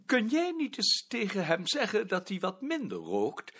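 A prim, hesitant office director. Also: male voice, sits high, huge pitch swings, measured pace, sharp tone, husky, heavily acted. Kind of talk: drama acting.

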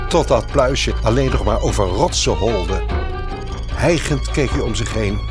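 A man narrating a children's story in an expressive, storytelling manner. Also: mid-range voice. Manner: lively, expressive. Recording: music bed under the voice.

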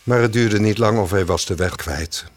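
A man narrating a children's story in a calm, expressive scripted style. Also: on the low side, normal speed.

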